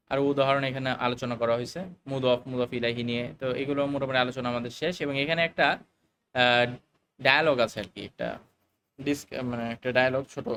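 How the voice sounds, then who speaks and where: A man teaching a recorded Arabic lesson, explaining the grammar slowly, with fillers and English words mixed in. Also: medium pitch, fairly bright tone, slight background noise.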